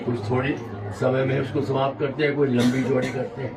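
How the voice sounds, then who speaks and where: A spiritual teacher with a sore throat delivers a slow, reflective devotional talk, drifting between ideas and defining his terms as he goes, his ordinary-pitched voice barely rising or falling. The distant mic captures a roomy, echoing hall with a crowd audible in the background.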